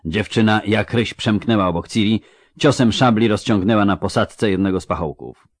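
A man's voice: fairly low pitch, moderate pace, no room sound, studio quality. A man giving scripted, dramatic audiobook narration.

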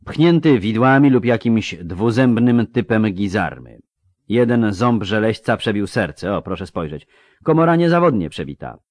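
A man voicing a gruff male field surgeon who barks urgent, raised orders mid-operation. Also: mid-range voice, no echo, clean studio sound, voice pushed up, lightly acted. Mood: intrigued.

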